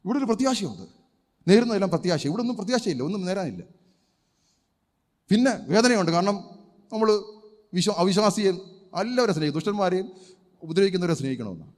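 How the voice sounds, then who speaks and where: A pastor preaches an emphatic sermon at a rapid clip, his slightly high voice swinging widely in pitch and ringing with long reverb through a church hall. He poses rhetorical questions and bursts into loud shouts of praise.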